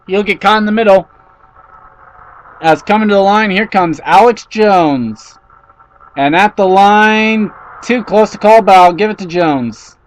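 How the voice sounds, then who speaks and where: A man with a high voice calling a race play-by-play. He reels off positions and names, then gets excited and loud when cars bang together. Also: measured pace, poor audio. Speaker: race commentator. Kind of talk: play-by-play commentary.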